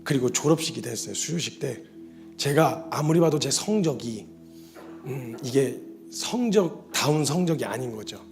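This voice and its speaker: A man preaching a sermon with personal testimony, his delivery swinging between loud emotional pleading and quiet, hushed confession. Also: medium pitch, animated, moderate pace, creaky, music in the background.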